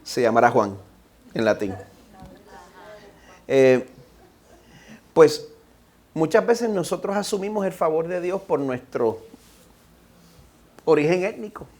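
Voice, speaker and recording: A Puerto Rican-accented male pastor preaches a sermon in a slightly high voice. He reads scripture slowly and emphatically. Then he exhorts his listeners directly. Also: sing-song, a little mellow. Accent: Puerto Rican Spanish. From Puerto Rico. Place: church sanctuary.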